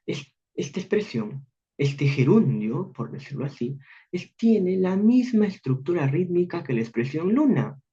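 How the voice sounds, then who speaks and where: A man giving an online university literature lecture, explaining patiently and slowing down to read verse lines with heavy stress. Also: fairly high pitch, mellow, slightly rough, lo-fi sound. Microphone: video call.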